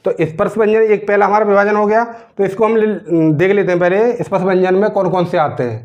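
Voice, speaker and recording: A male teacher with a high, slightly mellow voice moves at a quick pace through a grammar lesson, posing questions and answering them himself. He keeps checking in with his students, often saying "theek hai na." The recording sounds dull and lo-fi.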